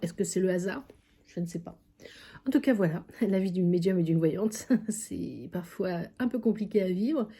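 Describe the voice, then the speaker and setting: Chatty woman medium vlogging, mellow darkish voice, lots of euh and repeats. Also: on the low side, expressive, normal speed, breathy edge. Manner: chatty, many fillers and repeated phrases. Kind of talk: casual vlog storytelling. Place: at a friend's country house.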